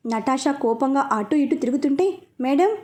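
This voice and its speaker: A woman narrating a serialized story with a steady, plain storytelling delivery. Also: high voice, a little fast.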